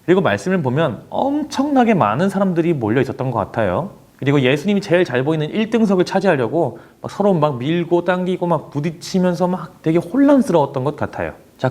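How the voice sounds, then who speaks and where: A man's voice: a little high, darkish tone. A young man preaching to teenagers, telling a story dramatically and speaking the characters' inner thoughts aloud. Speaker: youth pastor. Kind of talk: sermon to teenagers.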